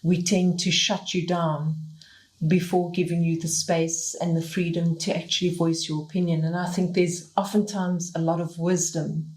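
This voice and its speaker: Lower-voiced middle-aged woman host. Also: little pitch movement, normal speed, darkish tone. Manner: thoughtful, with fillers and restarts. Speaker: podcast host. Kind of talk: casual panel discussion.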